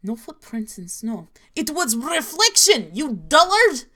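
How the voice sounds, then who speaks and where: A woman of medium pitch and measured pace reads parody horror stories as a deadpan narrator. Her mock Russian accent is inaccurate, and she drops articles in clipped, broken grammar.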